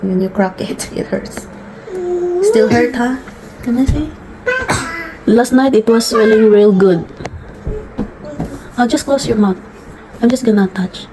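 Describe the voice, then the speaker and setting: A woman's voice: on the high side, lively intonation, unhurried, pauses often, a crowd in the background. A woman with a Filipino accent chatting with her young children in a casual home vlog, playful and coaxing. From Philippines. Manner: playful, coaxing, sing-song with small kids. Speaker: vlogger and mother. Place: family home, indoors. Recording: noisy home recording.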